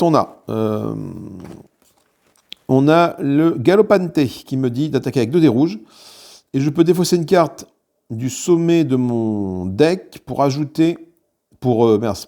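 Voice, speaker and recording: A man with a medium-pitched, dark-toned voice runs a board game channel and narrates a solo playthrough for viewers. He handles the components while explaining card rules, frequently filling pauses and starting over mid-sentence.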